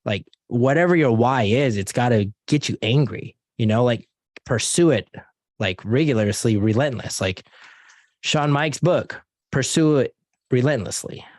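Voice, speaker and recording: A man's voice: medium pitch, expressive, unhurried, no room sound, clean studio sound. A man giving a casual motivational sales training talk over an online meeting. He fills his talk with "like" and calls his listeners guys and dude. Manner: casual, filler-heavy, addresses audience as guys and dude.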